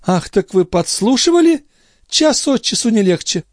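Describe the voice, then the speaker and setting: A proud young noblewoman with a cold, cutting tone, her voice pitched high and swinging sharply, as a male narrator puts her on. She sounds scornful and mocking in this audiobook reading. The sound is close and dry. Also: big pitch swings, moderate pace, dry recording. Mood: haughty.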